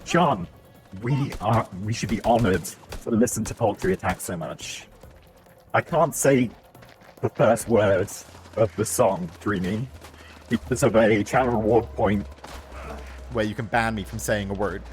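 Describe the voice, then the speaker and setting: A man's voice: fairly low pitch, measured pace, soft background music. A British man streaming a war video game live, joking and chatting with his viewers as he plays. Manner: joking, chatty, reads chat aloud.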